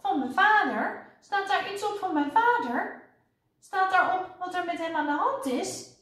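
A woman voicing an anxious, indignant young girl in a storybook read-aloud, with a high pleading voice. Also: big pitch swings, normal speed, fairly bright tone, recorded from a distance. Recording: roomy echo, voice off-mic.

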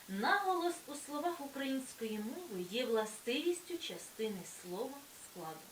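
A woman teacher explaining a school lesson and pronouncing example words clearly with emphasis. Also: high voice. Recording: echoey room from far off, faint hiss.

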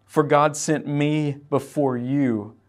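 A man's voice: fairly high pitch, steady tone, slow pace, faint music behind. Man, pastor, earnest sermon, emotional scripture reading, church.

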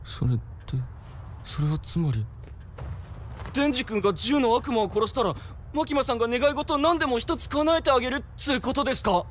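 A man voicing an excitable, naive teenage boy in an anime, eager and stammering with rough casual speech. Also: very high voice, brisk. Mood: excited. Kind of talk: anime dub acting.

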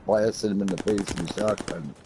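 A man chatting casually and swearing as he plays a video game, prone to excitable exclamations. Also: on the low side, normal speed, noisy background. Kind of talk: casual gameplay chat with profanity. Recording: gunfire and clicking behind voice. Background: video game gunfire.

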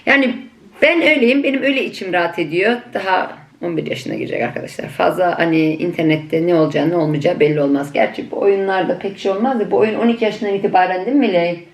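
A woman's voice: fairly low pitch, quick pace, reverberant. A woman vlogging at home to her viewers, a mother talking in a chatty, affectionate, teasing way. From Turkey. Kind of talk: casual chat to viewers. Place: family home in Germany.

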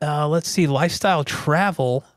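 A man's voice: a little high, moderate pace, no echo, studio quality. Easygoing man explaining home theater gear. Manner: easygoing, explanatory, many fillers. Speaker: podcast and livestream host. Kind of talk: casual tech chat.

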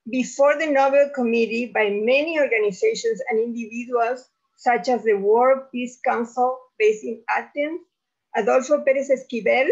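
A woman speaker reading a prepared statement at a conference, going deliberately through lists of names and places. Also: fairly high pitch, highs cut off.

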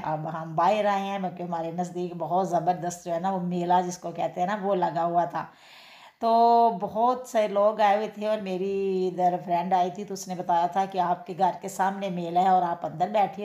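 Here a cooking and daily-life vlogger chats casually to her viewers, leaning on her favorite filler phrases. Her voice is lowish and darkish, the recording has an echoey room sound, and the setting shifts from a home kitchen to an outdoor street fair.

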